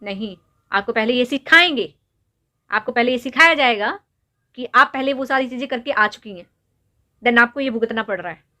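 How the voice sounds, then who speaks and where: Woman, young adult, vlogger, lecturing rant, scolding, somewhat high-pitched. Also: moderate pace, long pauses, pushed and bright. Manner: scolding, lecturing, repeats "theek hai?" to press points. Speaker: YouTube vlogger. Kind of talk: direct-to-camera opinion rant.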